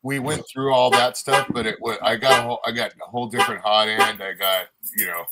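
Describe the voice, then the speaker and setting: A man's voice: medium pitch, steady tone, fairly quick, over a noisy crowd, low-quality recording. A man chatting informally as a guest on a livestream. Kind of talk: casual livestream chat.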